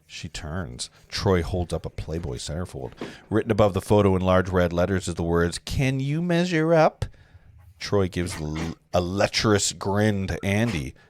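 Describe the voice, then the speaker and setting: At a live table read, a man reads the stage directions informally, cracking jokes in casual asides and sometimes stumbling over his lines. His low voice has lively intonation and a moderate pace, and the recording is dry.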